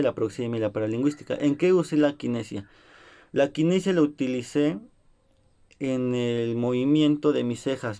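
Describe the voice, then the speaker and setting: A man's voice: mid-range voice, warm tone. Young man giving a class presentation. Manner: explanatory, acts out short examples. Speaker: student presenter.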